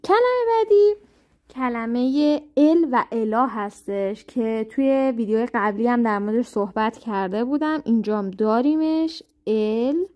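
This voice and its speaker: A woman leads a patient, step-by-step spoken lesson, slowing right down to say each new word with care. Her voice sits a little high. The recording is dull and muffled. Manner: slow, careful spelling-out of words. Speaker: language teacher. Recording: muffled lo-fi audio.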